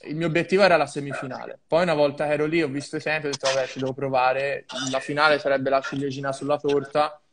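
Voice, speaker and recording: Steady, even-toned young swimmer. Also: male voice, mid-range voice, fast, few pauses, background noise. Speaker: Olympic swimmer guest. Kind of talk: casual video-call interview. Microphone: video call.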